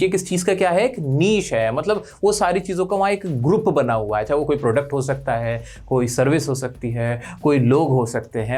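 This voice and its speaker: A woman's voice: deep voice, darkish tone. A woman teaching English pronunciation, quizzing the viewer on each word and then correcting the answer firmly. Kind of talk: pronunciation lesson.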